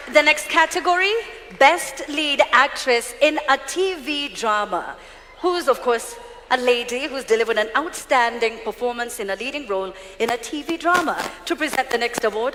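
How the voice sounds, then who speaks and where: A woman's voice: fairly high pitch, bright, forceful tone, a little hiss or hum. A woman with a Kenyan accent hosting a live awards ceremony, announcing from the stage in an effusive, congratulatory way. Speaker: awards show host. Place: large conference hall stage. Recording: echoey hall PA with music behind.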